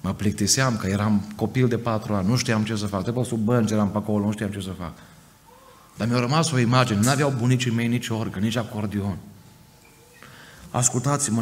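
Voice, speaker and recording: A man from Romania preaching an emphatic Pentecostal sermon to a congregation, acting out quoted voices. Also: fairly low pitch. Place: church. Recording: church hall reverb, faint noise.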